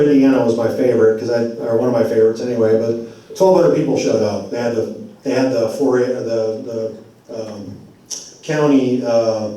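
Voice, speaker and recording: A man's voice: medium pitch, mellow. A man speaking to a community forum in a loose, conversational way, his voice getting worn. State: losing his voice. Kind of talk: public address at a community meeting. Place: church meeting hall. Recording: very echoey hall, voice far from mic.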